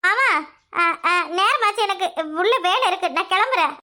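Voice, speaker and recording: A woman with a southern Tamil village dialect voicing a jealous, sharp-tongued older wife who scolds sarcastically in a cartoon. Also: extremely high pitch, normal speed. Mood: scolding. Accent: southern Tamil Nadu village dialect. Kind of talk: cartoon voice acting.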